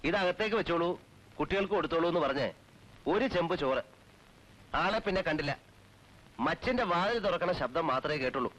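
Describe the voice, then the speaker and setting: A man's voice: fairly high pitch, expressive, brisk, pauses often, a bit bright, rough recording. An actor playing a devout middle-aged man who heads a traditional household, speaking in a stern, formal way that turns earnest. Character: devout middle-aged man, strict but kind-hearted. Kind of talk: 1980s film drama.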